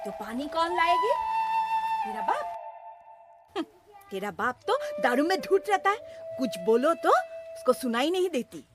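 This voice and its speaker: A sharp-tongued village mother, played by a woman, scolds in a high voice that leaps about. Loud music runs beneath every line of this short film scene. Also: very animated, normal speed. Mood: scolding. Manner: scolding, then pleading in prayer. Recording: music playing underneath.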